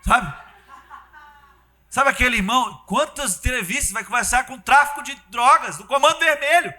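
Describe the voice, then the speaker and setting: High, bright-voiced preacher man. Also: normal speed. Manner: animated, conversational preaching with acted-out quotes and sudden loud bursts. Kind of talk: sermon.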